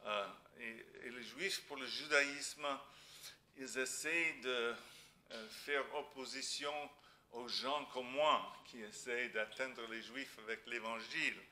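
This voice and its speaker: A man with a foreign accent in French, a non-native speaker preaching a church sermon haltingly, searching for words and adding little tag questions. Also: mid-range voice, pushed and bright. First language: not French. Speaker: visiting missionary preacher.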